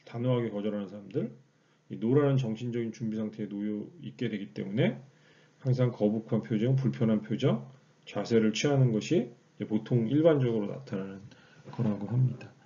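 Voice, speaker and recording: A man's voice: mid-range voice, mellow, muffled recording. A man teaching a recorded online class, explaining step by step with frequent fillers and rhetorical questions. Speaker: lecturer.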